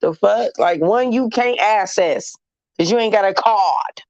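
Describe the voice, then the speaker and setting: A woman's voice: mid-range voice, measured pace, dry recording, muffled recording. Profane woman telling a story on stream. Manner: profane, animated, mocking. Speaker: live streamer. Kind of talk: casual live-stream storytelling.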